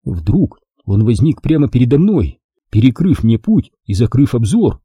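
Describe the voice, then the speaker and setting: A dark, husky man reading a storybook. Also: mid-range voice, big pitch swings, moderate pace, no echo. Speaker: audiobook reader. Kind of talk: storybook narration.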